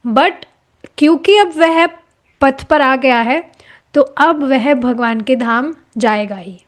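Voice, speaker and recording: A woman's voice: sits high, slow. A woman explaining a devotional book to a class in a conversational way, slipping in English phrases and asking her listeners rhetorical questions.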